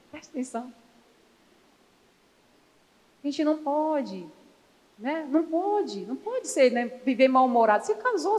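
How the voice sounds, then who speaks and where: High-voiced Brazilian woman preaching in a hall. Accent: Brazilian Portuguese. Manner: playful, calls for congregation responses. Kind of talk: sermon. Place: church. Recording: long reverb of a church hall.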